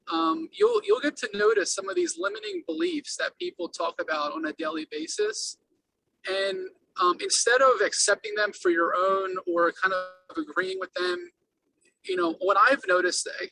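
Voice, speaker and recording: A man speaking on a group call from his car while driving, in halting casual chat with many ums and restarts. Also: high-pitched, gravelly, sharp tone, distant mic, a little hiss or hum, poor audio. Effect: talking on a call from his car while driving.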